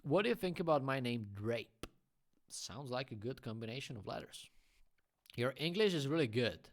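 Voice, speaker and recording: On a casual livestream, a graffiti artist fields questions in English, his second language. He talks at normal speed in an expressive, mid-range voice, chatty and frank in his opinions, with friendly asides.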